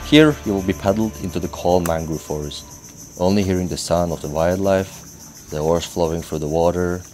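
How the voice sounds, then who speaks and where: A man narrates his travel vlog in a frank, advice-giving way, his voice a little stuffy from a slight cold. He speaks lower than most men. Faint music plays under the narration. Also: normal speed, warm tone. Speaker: travel vlogger.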